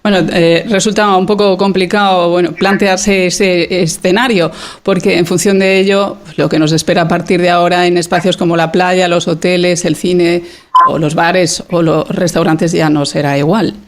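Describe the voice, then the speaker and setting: A man's voice: high-pitched, flat delivery, moderate pace. A man interviewing a guest, asking formal, polite questions with hesitant fillers.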